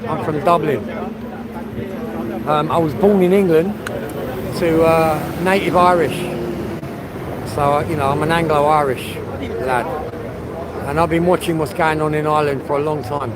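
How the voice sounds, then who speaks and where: A man's voice: a little high, steady tone, unhurried, long pauses. A man streaming live outdoors, chatting casually with viewers, swearing often and greeting them by name. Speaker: livestreamer. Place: outdoors on a busy city street. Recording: loud crowd noise from the street.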